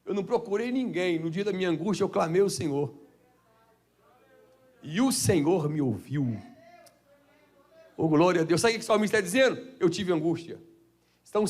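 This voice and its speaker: A Brazilian pastor with a Minas Gerais accent preaches in a church, his voice sitting high for a man. He bursts into shouted praise, then drops to low, hushed asides in a fervent Pentecostal style. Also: expressive, brisk, pauses often. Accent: Brazilian Portuguese, Minas Gerais. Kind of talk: Pentecostal sermon.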